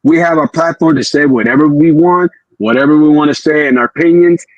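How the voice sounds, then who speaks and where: Brief: male podcast co-host, supportive interjector, slightly high voice, dull dry recording. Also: brisk, crowd noise. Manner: agreeable, chiming in with short affirmations.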